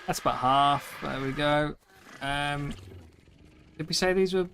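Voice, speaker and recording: A man's voice: a little high, a little slow, fairly bright tone, slight background noise. A tired man streaming a survival game live, rambling through casual commentary with frequent ums and self-corrections. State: tired and yawning.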